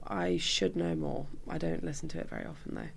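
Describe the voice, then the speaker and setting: Young british woman, really croaky fry in her voice, informal chatty interview answers. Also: deep voice, very animated, a little fast. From Cumbria, England. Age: young adult. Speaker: musician guest. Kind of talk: casual interview chat.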